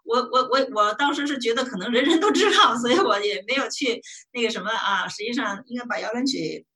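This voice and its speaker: A woman presents a casual spoken music appreciation lesson in a fairly quick, expressive voice that runs high and sharp. She hesitates often, filling pauses and restarting sentences, and hums brief snatches of melody.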